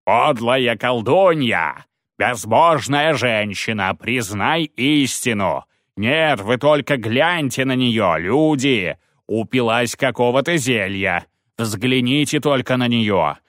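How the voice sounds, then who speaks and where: A man's voice: medium pitch, lively intonation, fairly bright tone, no echo, clean studio sound, pitched above the performer's own voice. A man doing a ranting zealot priest. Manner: declaiming, drawn-out preaching tirade. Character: fanatical ranting male priest, gaunt and zealous. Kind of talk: audiobook character voice.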